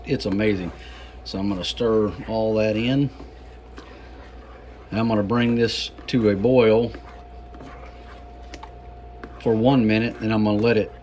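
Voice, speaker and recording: A man giving a casual home cooking demonstration, explaining things in a halting, unhurried, folksy way. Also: on the low side, a little mellow, a little hiss or hum. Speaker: home cook presenting a recipe.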